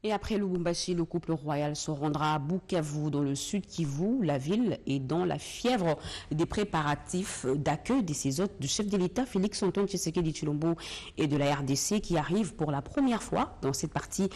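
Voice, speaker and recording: A woman's voice: low-pitched, moderate pace, darkish tone. A woman presenting the evening news in a TV studio with a composed, formal delivery. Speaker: news anchor.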